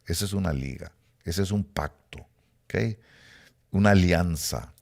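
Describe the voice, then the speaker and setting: A middle-aged man from Costa Rica gives sermon teaching, unhurried, in a very deep and gravelly voice. He climbs and swells on stressed words, then eases back into soft low asides, with his pace shifting often.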